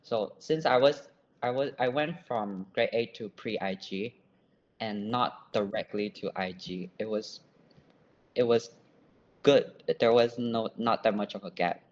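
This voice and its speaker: This young man from Myanmar, with a Burmese accent, is a student guest in a casual podcast interview, answering in a hesitant, self-deprecating way. His voice is fairly low and unhurried, and the highs are cut off.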